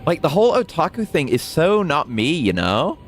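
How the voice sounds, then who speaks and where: A man's voice: on the high side, very animated, normal speed, slight background noise. A man voicing a trendy young woman who hides her nerdy side, reading game subtitles aloud in a light, playful voice. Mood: earnest. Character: trendy young woman, secretly a shy nerd.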